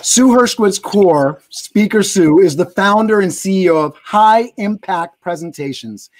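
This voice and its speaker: A man in his thirties hosts a live interview show on a video call. His voice is a bit higher than most men's, and he talks as the presenter. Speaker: host of a business show.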